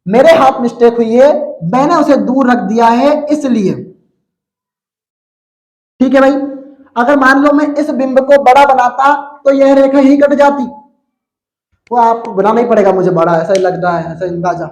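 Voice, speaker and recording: A man's voice: very high voice, moderate pace, pauses often, a little mellow. Male science teacher, Central Indian Hindi accent, chatty storyteller, roomy echo. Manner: chatty, addresses students as brother, tells stories. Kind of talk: classroom physics lesson.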